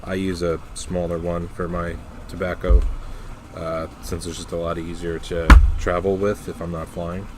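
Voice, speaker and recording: Deep-voiced man, casual halting reviewer. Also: level tone, heavy background noise. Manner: halting, unscripted, matter-of-fact. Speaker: pipe tobacco reviewer.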